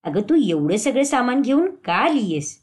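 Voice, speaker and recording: A woman reads a stern middle-aged mother-in-law in an animated family story, in a fairly high voice. She scolds and gives orders, her pitch rising and falling widely. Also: normal speed. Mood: scolding. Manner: scolding, commanding.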